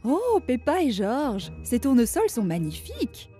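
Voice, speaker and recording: A woman voicing an encouraging, gentle mother pig in a French children's cartoon. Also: high voice, wildly swooping pitch, measured pace, faint music behind, full character voice. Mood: warm, encouraging. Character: warm, encouraging mummy pig, grown female. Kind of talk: children's cartoon dub acting.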